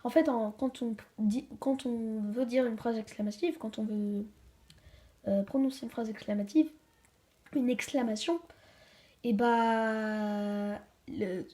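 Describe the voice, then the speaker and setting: Hesitant woman teaching grammar, high voice. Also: steady tone, warm tone. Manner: hesitant, many fillers and restarts; slows down to stress example sentences. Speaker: channel host teaching a French grammar lesson. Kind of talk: unscripted home-made lesson. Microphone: camera she handles herself.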